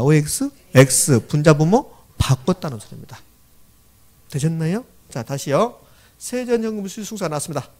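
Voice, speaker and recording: A man giving an exam-prep lecture, reading formulas slowly, repeating them and often checking whether students follow. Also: on the high side, darkish tone. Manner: frequent check-in questions to the class. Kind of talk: classroom lecture.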